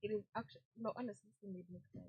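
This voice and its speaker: A woman's voice: medium pitch, steady tone, racing, warm tone, breathy edge, no echo, rough recording. A young Kenyan woman co-hosting a radio show, chatting casually and mixing in Swahili slang. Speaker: radio co-host. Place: radio studio.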